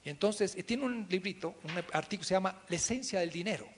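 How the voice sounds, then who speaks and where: A man lecturing on philosophy to a class. He talks emphatically, swings between loud stresses and quiet asides, and speaks straight to his listeners. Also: sits high, lively intonation, quick pace, a little hiss or hum. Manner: addresses the class directly.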